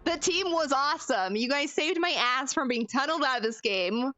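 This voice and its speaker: A woman's voice: high-pitched, animated, normal speed, pushed and bright, muffled recording, soft background music. A woman streaming a game, chatting casually with viewers and reacting expressively, swinging between frustrated cries and laughs. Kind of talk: casual gaming commentary.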